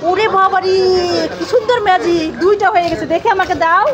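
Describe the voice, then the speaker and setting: A woman's voice: very high-pitched, steady tone, fairly quick, crowd noise. A young woman, a mother, chatting playfully with her small children in a casual family vlog, teasing and coaxing them. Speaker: mother and vlogger.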